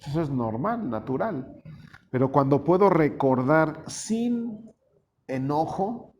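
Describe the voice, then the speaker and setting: A man's voice: on the high side, sing-song, slow pace, a little mellow, slight background noise. A man preaching a conversational sermon, folksy and often asking his small congregation questions. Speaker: pastor.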